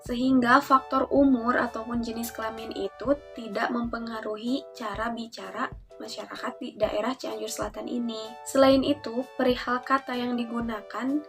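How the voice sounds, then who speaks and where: A woman's voice: on the high side, level tone. Student woman presenting research over music. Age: young adult. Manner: measured, explanatory, with fillers like "nah" and "gitu". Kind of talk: academic presentation.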